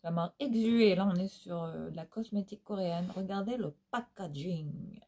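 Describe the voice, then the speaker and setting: A middle-aged beauty vlogger from Réunion, speaking French with a Réunionese Creole accent, chats casually at home about beauty products she has used up. Her fairly low voice moves at normal speed, packed with fillers and tag questions, against a noisy background.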